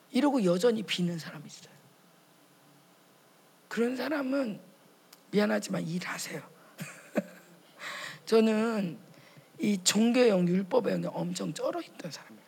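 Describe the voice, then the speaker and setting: A woman speaking as a pastor's wife at a church conference, telling animated stories, acting out quotes and often dropping to a whisper. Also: medium pitch, unhurried, creaky, pauses often, husky. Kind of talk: sermon.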